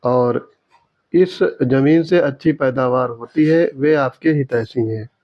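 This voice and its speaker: A man in a mid-range voice walks through exam questions one by one. He explains, stops to correct a word, and says it again slowly. The audio is slightly dull and lo-fi. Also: medium pitch. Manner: explanatory, repeats words slowly to correct them. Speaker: teacher. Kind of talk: exam answer walkthrough.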